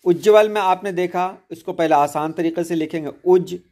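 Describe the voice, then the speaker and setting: A man giving a patient spoken lesson on poetry meter, explaining each step slowly and repeating key points. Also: high voice, darkish tone. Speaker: poetry teacher.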